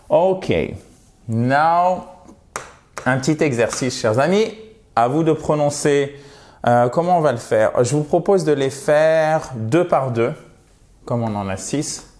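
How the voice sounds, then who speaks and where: Male English teacher, mid pitch, energetic, repeats words with heavy stress. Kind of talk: video pronunciation lesson.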